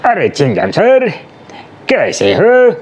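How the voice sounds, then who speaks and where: A man's voice: high-pitched, huge pitch swings, very slow, a little mellow, slight background noise, voice pushed up, exaggerated voice. A man voicing a fussy cartoon character who complains that his friend keeps pestering him. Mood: whiny complaint. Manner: whiny, pleading. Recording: dull lo-fi sound.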